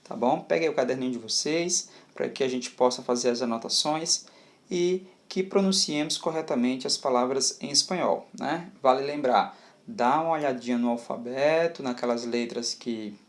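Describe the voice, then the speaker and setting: Patient teacher. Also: male voice, medium pitch, moderate pace. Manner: patient, explanatory, frequent checking tags. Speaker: Spanish teacher. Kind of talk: recorded video lesson.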